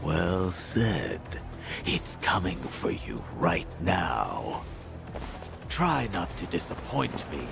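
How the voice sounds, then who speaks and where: A man playing a menacing, thrill-hungry middle-aged yakuza villain in a video game, with a gravelly, taunting drawl. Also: deep voice, huge pitch swings, drawn-out words, over music, full character voice. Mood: menacing glee. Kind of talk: dramatic video game acting.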